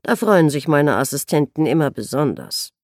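A woman's voice: sits low, expressive, normal speed, a little mellow, no room sound, clean studio sound. A woman reading the part of a blunt, tactless male company doctor in a stern, lecturing tone.

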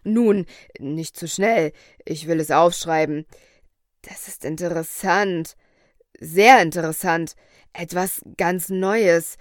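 An eager, kindly doctor, as a woman reading a storybook puts him on, pitched a little lower than her own voice. He talks earnestly and slowly, with the close, dry sound of the reading. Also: dry recording. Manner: earnest, excitable. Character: kindly, eager middle-aged male doctor.

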